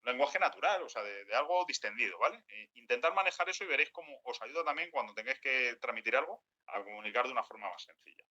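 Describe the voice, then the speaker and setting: Man, workshop speaker, very bright voice, dull lo-fi sound, acts out quotes. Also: mid-range voice, fast, few pauses. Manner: acts out quoted speech, animated. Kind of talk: lecture to a group.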